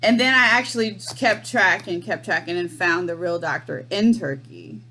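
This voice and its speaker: A woman's voice: lowish voice, moderate pace, sharp tone. A woman telling a story in a casual chat, wry and amused, laughing often as she talks. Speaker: storyteller vlogger.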